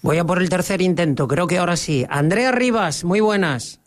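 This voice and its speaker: A man's voice: sits high, moderate pace. A man hosting a radio sports interview with playful, jokey banter.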